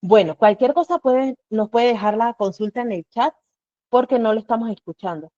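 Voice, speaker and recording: Woman teacher, patient step-by-step explainer, mellow voice, dry muffled online class audio. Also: fairly high pitch, moderate pace, no echo. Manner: explains step by step with rhetorical questions. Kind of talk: live online class walkthrough.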